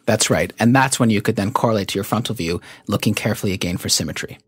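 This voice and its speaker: This fairly low-voiced man has a husky quality and appears as an expert guest in a medical interview, walking through his points in a measured, methodical, teaching manner. Little echo from the room comes through, so the sound stays dry.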